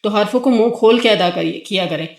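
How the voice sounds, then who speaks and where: A woman's voice: medium pitch, gravelly, roomy sound. Patient woman teaching Quran letters. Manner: patient, drawn-out sung syllables for the child to repeat. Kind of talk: tajweed lesson with a child.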